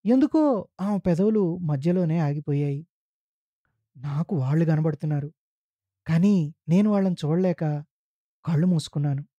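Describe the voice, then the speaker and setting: A man narrating a literary short story for a podcast, with slow, solemn, deliberate phrasing. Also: fairly high pitch, animated, mellow, no echo, dull audio.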